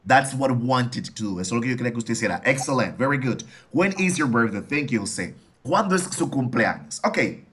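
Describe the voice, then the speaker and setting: A man's voice: mid-range voice, expressive, fairly quick, hardly any pauses, fairly bright tone, a little hiss or hum. A man teaching an English class over a video call, repeating each phrase and translating it. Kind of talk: online bilingual class.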